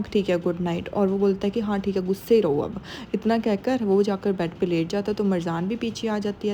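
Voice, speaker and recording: A young woman recaps a drama scene by scene in a casual storytelling style, quoting each line of dialogue and adding her own asides. Her mid-range voice is mellow, with slight background noise.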